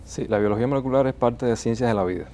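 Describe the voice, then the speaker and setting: A man's voice: medium pitch, rapid-fire, mellow, slight background noise. A man with a Cuban accent, a molecular biologist explaining as a guest, with frequent hesitant fillers. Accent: Cuban Spanish. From Cuba. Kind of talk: interview answers.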